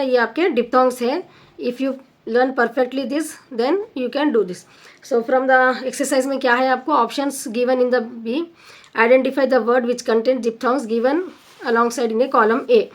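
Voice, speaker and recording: Woman teacher, fairly high voice, unhurried delivery, stretches example words for learners. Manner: switches between slow careful English and quick Hindi asides, stretching example words. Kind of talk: exam-focused grammar lesson.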